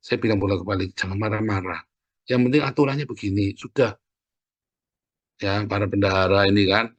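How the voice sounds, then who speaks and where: A man's voice: lowish voice, slightly rough, no echo. A man preaching a sermon in a conversational, exhorting way, often turning to address the congregation directly. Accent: Indonesian. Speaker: pastor.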